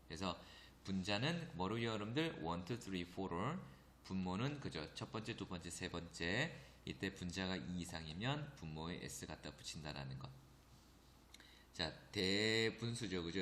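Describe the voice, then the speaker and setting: Low-voiced guy teaching english grammar, slow on the examples, faint hiss in the background. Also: fairly bright tone. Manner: addresses students often, frequent "그죠?" check-ins. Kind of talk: recorded grammar lecture. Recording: echoey room with faint noise.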